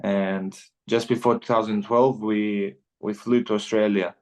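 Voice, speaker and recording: A man's voice: on the low side, level tone, measured pace, a little mellow. A man in his twenties from Greece, chatting easily as a guest in an interview and often adding "you know". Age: 20s. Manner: laid-back, peppers speech with "you know". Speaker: guest fighter. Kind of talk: casual interview chat.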